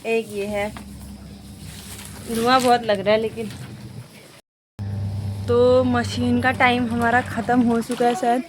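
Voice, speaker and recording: A woman's voice: fairly high pitch, level tone, slow pace, pauses often, background noise. A young woman vlogging in a casual, chatty way, talking straight to her viewers as she walks around outdoors in a village. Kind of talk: casual vlog walk-through. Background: faint outdoor ambience with animals.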